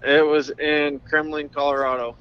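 A man's voice: fairly high pitch, level tone, normal speed, clean tone. A man calling in by phone from his pickup truck. He banters in a dry, teasing way. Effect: heard over a phone line. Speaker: phone-in guest. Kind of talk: casual phone chat. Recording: muffled phone line.

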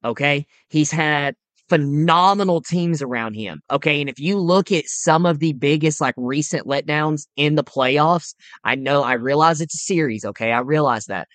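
A man's voice: fairly high pitch, moderate pace, fairly bright tone, no echo. A young man on a sports podcast who makes his case step by step and keeps checking in with "okay?". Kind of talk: casual sports chat.

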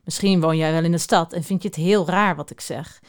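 A woman opening the school day by talking to children and then reading a book excerpt aloud, in an expressive storytelling way. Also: fairly low pitch, fairly quick. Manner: expressive storytelling read-aloud, acting out the first-person character.

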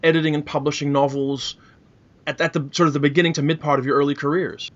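A man with a fairly high, fairly bright voice hosts a podcast, putting casual, conversational questions to his guests at a quick pace and in a level tone. The interview happens over an internet call, which sounds muffled with faint noise.

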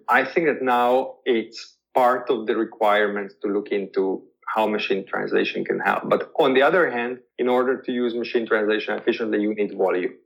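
With a creaky, medium-pitched voice, a male guest who grew up speaking Hungarian answers an interview thoughtfully, repeating words as he gropes for phrasing. The audio is dull and low-fidelity.

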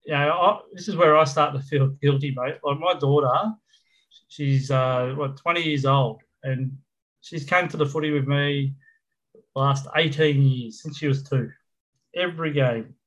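A man's voice: on the high side, steady tone, measured pace, fairly bright tone. A middle-aged Australian man chatting casually about football as a fan co-host, talking in a blokey, slangy manner like an Aussie tradesman. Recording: dull lo-fi voice channel.

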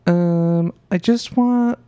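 A man doing a high, slow impression of a starstruck young woman friend, gushing over a crush. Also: mellow, smooth, no echo.

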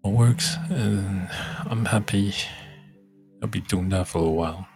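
A man talks in a low, slow, somewhat rough-edged voice. He rambles casually like a streamer, halting and repeating phrases as he goes. Soft music plays faintly behind him. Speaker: livestream host.

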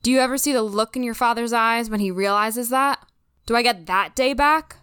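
A resentful teenage boy lists his grievances in a bitter voice, as a woman reads his part. The tone stays close to the reader's own: smooth and clear, recorded close and dry. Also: a little high, normal speed, a bit bright, dry recording, close to an everyday voice.

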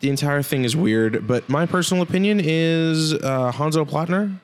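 A man co-hosting a casual hockey podcast, joking and rambling with quick asides. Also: on the high side, slight background noise. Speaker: podcast co-host.

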